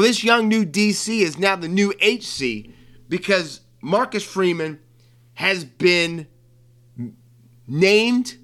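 A man's voice: fairly high pitch, pushed and bright. A man hosting a sports talk show, chatting casually about players and coaches in a joking way with frequent ums and restarts. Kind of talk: casual sports commentary monologue.

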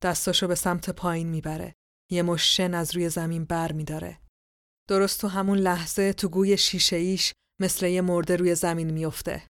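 A woman narrating a dark fantasy story as a podcast storyteller, in a calm, steady, dramatic way. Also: fairly low pitch, no room sound, studio quality.

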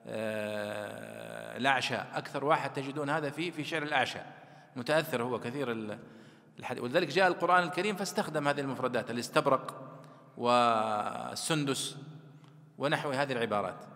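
A man's voice: medium pitch, fast, pushed and bright, in a large hall. A man teaching a class on Quran commentary, explaining words at length and reciting classical verses and poetry. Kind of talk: classroom lecture.

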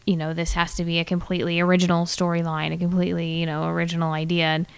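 A woman with a lowish, gravelly voice chats about films in a relaxed, hedging way, leaning on "you know" and "like." Her voice is smooth and clear under the fry. The sound is dry and close, with no room in it. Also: rapid-fire, no room sound. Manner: chatty, laughs easily, hedging fillers. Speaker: podcast co-host. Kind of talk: casual chat about movies.

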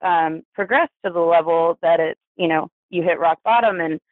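An American in their thirties from New Mexico, United States, shares personal stories as an interview guest, candid and hesitant, chuckling through hard subjects. The voice is medium-pitched at normal speed, with no room sound and a tinny, phone-like radio quality.

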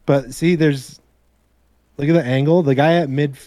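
A man co-hosting a podcast, chatting casually about a football game in a relaxed, hedging way with some swearing. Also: on the high side, moderate pace, dry recording. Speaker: podcast co-host. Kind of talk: casual sports chat.

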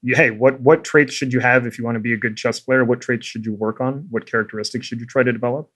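A man's voice: mid-range voice, steady tone, fast talker, fairly bright tone. A man hosting a podcast, reflective, asking probing questions and giving coaching advice. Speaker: podcast host, chess coach. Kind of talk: casual conversation.

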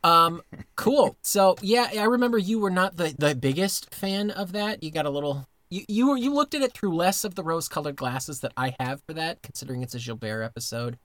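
A man's voice: fairly high pitch, expressive, brisk, a bit bright, no echo. Man recording from inside a closet. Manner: rambling storyteller with many fillers and restarts. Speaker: podcast co-host. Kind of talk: casual comedic chat.

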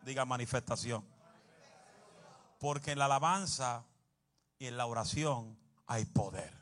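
A man preaching a sermon, animated and humorous, bursting into shouts. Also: medium pitch, a little slow.

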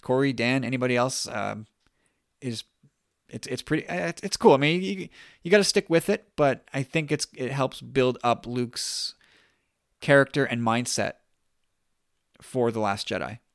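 A man's voice: mid-range voice, normal speed, vocal fry, no echo. Casual male podcast host, dry close sound. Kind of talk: casual chat.

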